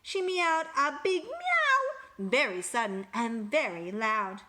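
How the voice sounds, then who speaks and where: A woman reading a children's picture book aloud with expressive, emphatic storytelling. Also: sits high, slow pace, a little hiss or hum.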